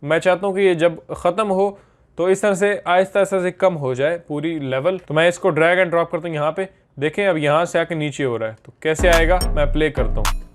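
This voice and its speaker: A man teaching video editing in a relaxed screen-recorded tutorial, explaining each step as he clicks through the software and casually mixing in English terms. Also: fairly high pitch.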